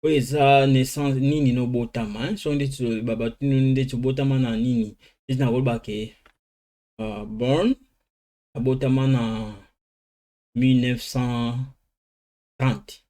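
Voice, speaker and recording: Man, Lingala speaker, beginner English lesson, slow word drilling, mellow tone. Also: mid-range voice, steady tone. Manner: switches between languages, slow drilling of English words. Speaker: language teacher. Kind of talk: informal vocabulary lesson.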